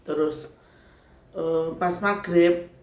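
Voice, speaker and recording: A woman's voice: on the low side, fairly even intonation, drawn-out words, darkish tone. A woman from Central Java with a Javanese accent, a spiritual medium chatting to her viewers in a casual storytelling way, looping back with filler tags. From Sragen, Central Java, Indonesia. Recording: echoey room with faint background ambience.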